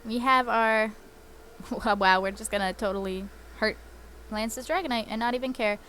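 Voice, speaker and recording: A woman's voice: fairly high pitch, normal speed, fairly bright tone, a little hiss or hum. Giggly, chatty woman commenting on her gameplay. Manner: chatty and giggly, lots of fillers. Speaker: let's play host. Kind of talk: casual game commentary.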